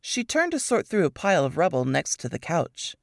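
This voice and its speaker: Woman reading a novel excerpt, lowish voice that swoops all over, super dry close sound. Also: fairly quick, creaky, no room sound. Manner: expressive storytelling, swooping pitch. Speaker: reader of a book excerpt. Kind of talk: scripted narration.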